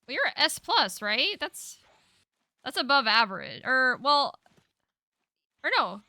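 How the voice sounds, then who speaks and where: Bright, crisp-voiced woman streamer. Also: sits high, sing-song, measured pace, no room sound. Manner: laid-back, reads chat aloud, lots of fillers. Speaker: game streamer. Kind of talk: casual live-stream chat.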